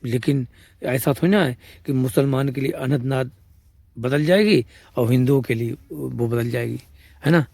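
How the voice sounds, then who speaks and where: Gravelly-voiced man giving a spiritual talk. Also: mid-range voice, moderate pace, a little mellow, dry recording. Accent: Braj-region Hindi. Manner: explains patiently, repeats points and asks "samajh rahe hain?". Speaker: spiritual teacher. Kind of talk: informal spiritual discourse.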